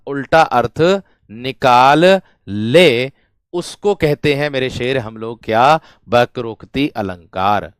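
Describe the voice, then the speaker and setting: A man's voice: medium pitch, a bit bright, clean tone, dry recording, studio quality. A man teaching a grammar lesson to students, repeating each phrase again and again and calling them his friends and brave ones. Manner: repetitive, drills each phrase over and over. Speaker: Hindi teacher.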